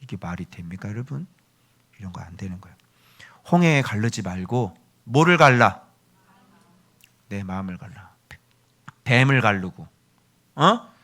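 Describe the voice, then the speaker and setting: A male pastor preaching a sermon in an emphatic, scolding way, swinging between loud bursts and whispers and acting out quoted prayers. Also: lowish voice, expressive, normal speed, long pauses. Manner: acts out quoted prayers and speech.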